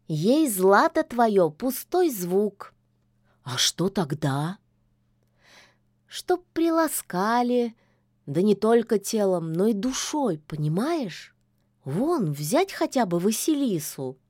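A woman's voice: mid-range voice, very animated, slow pace, darkish tone, no room sound, clean studio sound. A woman voicing a wise, sly male talking cat who gives advice in a knowing, folksy, chiding way in a fairy-tale audiobook. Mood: advising.

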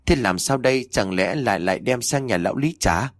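A man's voice: medium pitch, lively intonation, fairly quick, no room sound, lightly acted. Man doing a stammering scared sidekick. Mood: timid. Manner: stammering, trembling. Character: timid frightened young male sidekick.

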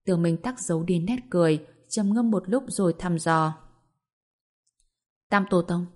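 Low-voiced woman narrating a novel. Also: fairly quick, darkish tone. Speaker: audiobook narrator. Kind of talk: scripted fantasy novel narration.

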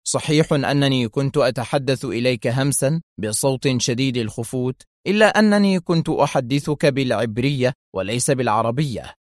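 An unflappable male hero, as a storyteller voices him, answering with calm, cutting sarcasm. The pitch sits in an ordinary middle range. The sound is close and dry. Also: brisk, no room sound, natural voice. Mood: mocking.

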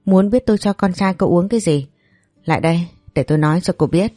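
A woman's voice: quick pace, dark tone, dry recording, clean studio sound, faint music behind, natural voice. A woman voicing a scheming, spiteful young rival woman in a storybook, sly and taunting. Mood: mocking. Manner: sly and taunting, then shrill and whining.

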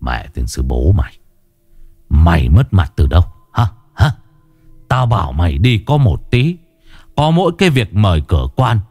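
A man's voice: low-pitched, very animated, normal speed, darkish tone, no room sound. A man voicing a wrathful old village chief, scolding his servant with insults. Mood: angry scolding.

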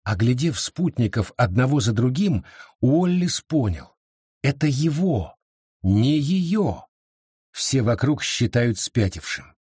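Man, audiobook narration, husky, lively delivery, dry close sound. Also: mid-range voice, slow, dry recording. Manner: dramatic, animated reading.

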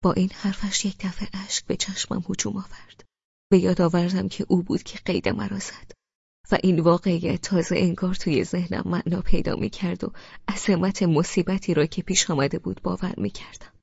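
A woman from Iran narrating a novel in the first person, in a soft, subdued storytelling voice. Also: fairly low pitch, little pitch movement, gravelly, husky, no echo. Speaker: audiobook narrator. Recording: dry, slightly dull studio audio.

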